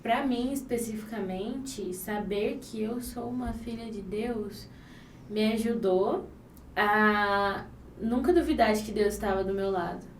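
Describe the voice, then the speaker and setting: A woman's voice: medium pitch, measured pace, distant mic, slight background noise. Young woman guest talking earnest and thoughtful, roomy echo, off mic. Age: 20s. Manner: earnest, reflective. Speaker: podcast guest. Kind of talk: casual podcast chat.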